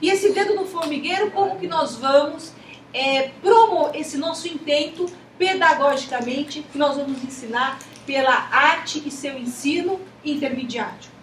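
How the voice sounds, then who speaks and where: A Brazilian Portuguese-accented woman lectures a class with a high voice, often pausing on rhetorical "isn't it?" questions. She is recorded from a distance in an echoey room, with faint noise behind her. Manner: talkative, repeats rhetorical questions. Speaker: teacher.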